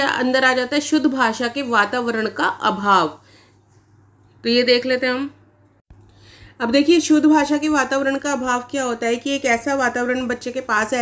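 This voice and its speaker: A woman's voice: sits high, fairly bright tone. A woman teacher giving an exam-prep lecture, explaining points step by step and asking rhetorical questions as she goes. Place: online class recording.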